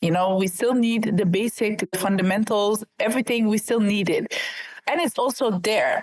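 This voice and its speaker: A woman's voice: medium pitch, fairly quick, low-quality recording. A woman from Ethiopia, raised in the Netherlands, in her thirties, answering interview questions as an investor in a direct, earnest way, often asking rhetorical questions. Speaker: investor and entrepreneur guest.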